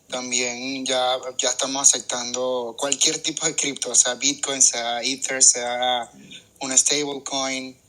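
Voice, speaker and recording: A man appearing as a guest in a casual online chat. His voice is bright and tense, with a mid-range pitch. He talks fast and keeps restarting his sentences. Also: low-quality recording. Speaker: guest co-host.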